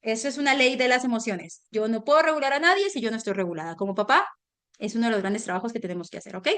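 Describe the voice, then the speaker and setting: A woman's voice: fairly high pitch, fast talker. A woman giving a parenting lecture, talking straight to the parents and checking in with them often. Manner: animated, addresses parents directly with frequent check-ins. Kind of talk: online parenting talk.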